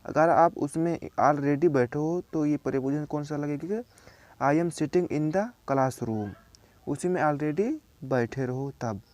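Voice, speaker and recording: A man's voice: on the high side, takes it slowly, darkish tone. A young man from India, a student, teaching English by explaining a simple story word by word and repeating each meaning.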